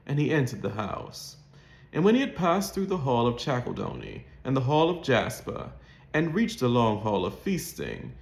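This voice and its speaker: A man with a modern Mid-Atlantic accent, reading in a formal, carefully enunciated, scripted literary style. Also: medium pitch. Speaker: host of an accent practice channel. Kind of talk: scripted read-aloud of a literary short story. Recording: roomy, echoing sound.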